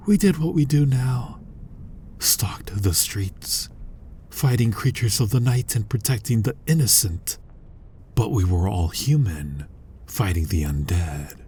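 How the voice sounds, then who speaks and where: In a scripted ASMR roleplay monologue, a man voices an ancient, brooding, menacing vampire who hunts his own kind. His lowish voice is husky, breathy, and a little mellow, delivered slowly, deliberately, and intimately, often sinking toward a whisper. A little hiss or hum can be heard.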